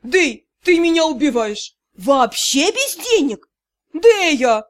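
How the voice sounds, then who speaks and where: A woman's voice: sits high, sing-song, slow, exaggerated voice. A woman doing a ranting young gnome man. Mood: outraged. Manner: ranting, exasperated, theatrical. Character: indignant young male gnome detective, loud and scolding. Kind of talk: audiobook character reading.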